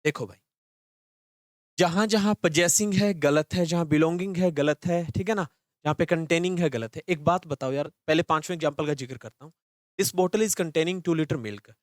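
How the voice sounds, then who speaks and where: Male grammar teacher, young, quick delivery, slightly high voice, dry close sound. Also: no echo. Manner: fast-talking, repeats questions back to students. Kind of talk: live online class lecture.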